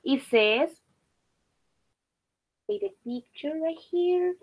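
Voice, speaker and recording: High, unhurried woman teacher. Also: lively intonation, poor audio. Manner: patient, repeats and praises student answers. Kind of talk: online class teaching.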